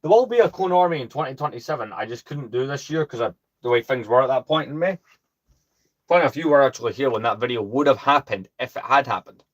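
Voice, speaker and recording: A British man hosts a casual livestream and rambles along in a chatty way. His voice is calm and soothing, pitched at an ordinary middle height. He pokes fun at himself as he talks. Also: quick pace, muffled recording. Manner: rambling, chatty, self-deprecating. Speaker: host.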